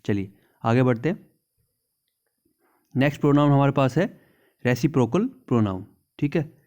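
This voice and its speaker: A man teaching an English grammar lesson in Hindi. He reads the English examples slowly and keeps checking in with "theek hai na". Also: medium pitch, animated, dark tone.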